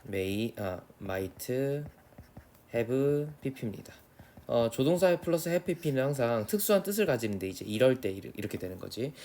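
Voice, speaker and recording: A young male English teacher with a Korean accent gives an exam prep lecture, reading English lines slowly before explaining them in quick, casual talk. His voice is medium-pitched and a little mellow.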